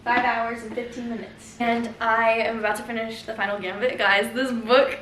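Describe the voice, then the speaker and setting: A woman's voice: fairly high pitch, level tone, moderate pace, fairly bright tone, a little hiss or hum. A young woman vlogging casually at home, gushing and bubbly about what she reads. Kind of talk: casual chat. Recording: roomy home audio with faint ambience.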